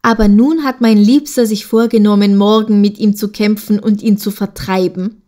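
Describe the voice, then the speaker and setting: A woman's voice: medium pitch, fairly even intonation, moderate pace, warm tone, lightly acted. A woman voicing a spiteful wild goose sister who talks in a boastful way. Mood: scheming.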